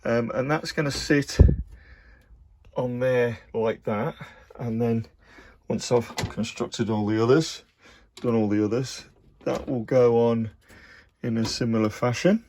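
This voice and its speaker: A man with a Birmingham accent chats easily through his hobby project, filling pauses with ums and uhs. His voice sits at a middling pitch, and he talks from a room at home. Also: slight background noise. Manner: relaxed, many ums and uhs. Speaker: hobby model builder. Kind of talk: casual video diary.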